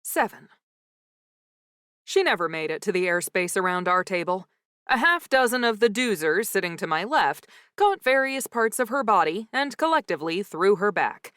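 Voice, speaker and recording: A woman narrating a comic mystery audiobook in first person with lively, wry storytelling, close to the mic. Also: mid-range voice, smooth, no echo.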